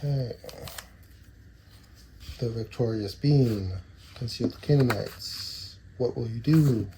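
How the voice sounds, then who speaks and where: Taking his time at medium pitch, a man in his thirties narrates a casual box opening, announcing each card name and wandering into side remarks. He's a trading card collector with a nasal, blocked-up voice from a cold. The recording is noisy with shuffling cards and clicking.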